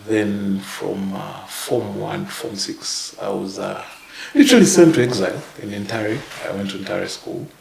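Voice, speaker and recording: A man in his thirties from Uganda, a podcast guest telling his life story in a halting way with many fillers and little chuckles. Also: lowish voice, gravelly, darkish tone, echoey room, poor audio. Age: 30s. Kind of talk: casual interview, life story.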